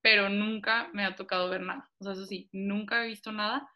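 A young woman, co-hosting a podcast in relaxed, slangy chat. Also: medium pitch, a little fast, lo-fi sound. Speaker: podcast co-host. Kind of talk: casual chat.

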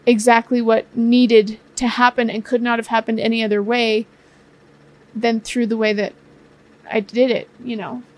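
A woman in her thirties co-hosting a casual podcast, chatty and playful, quick to tease. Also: on the high side, little pitch movement, a little mellow. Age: 30s. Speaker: podcast co-host. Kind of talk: casual conversation.

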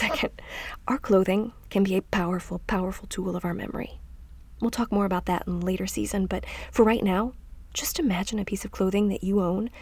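A middle-aged woman hosting a scripted self-help podcast, speaking softly and reflectively, often trailing into a near-whisper. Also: medium pitch, slightly rough, no room sound. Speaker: podcast host.

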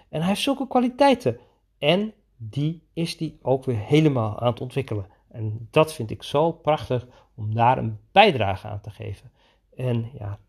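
A man with a faintly husky voice talks through a podcast episode about his coaching work with children. His delivery is eager and lively, full of enthusiasm for the story he is telling. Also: medium pitch. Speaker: children's coach with own practice. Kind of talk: podcast monologue.

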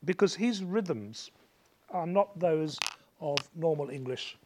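A man's voice: fairly high pitch, lively intonation, slow pace, a little mellow, a little hiss or hum. A male teacher patiently explains a poem's rhythm to a student, chanting beats and counting syllables aloud.

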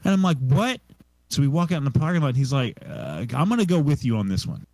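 A man's voice: mid-range voice, sing-song, fast, vocal fry, darkish tone, no echo, low-quality recording. Rambling self-deprecating young man. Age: young adult. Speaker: podcast co-host. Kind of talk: casual storytelling chat.

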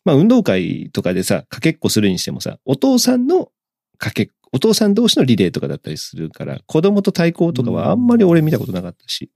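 A man hosting a casual chat, lively and excitable, laughing often. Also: fairly high pitch, fast, gravelly, slightly rough, no echo, clean studio sound. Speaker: podcast host.

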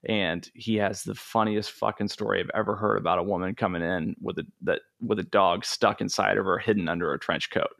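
A man's voice: deep voice, steady tone, a little fast, vocal fry, hardly any pauses, fairly bright tone. Guy on a podcast, chatty and loose, laughs through his stories. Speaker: podcast guest. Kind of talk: casual comedic podcast chat.

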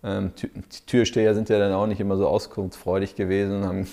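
Berliner in his forties, low gravelly voice, easygoing interview guest. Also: fast. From Berlin, Germany. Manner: relaxed, many fillers, laughs while telling stories. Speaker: podcast guest, startup founder. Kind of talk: casual interview storytelling.

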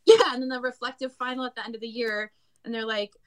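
Lively woman choir teacher telling stories. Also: fairly high pitch. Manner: quick storytelling, acts out quotes, laughs often. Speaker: choir teacher, podcast co-host. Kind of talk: casual chat.

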